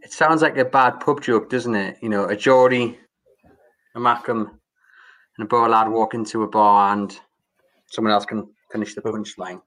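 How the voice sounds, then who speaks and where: A man's voice: lowish voice, steady tone, moderate pace, a bit bright. A man presenting a football podcast in a casual style. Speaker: podcast host.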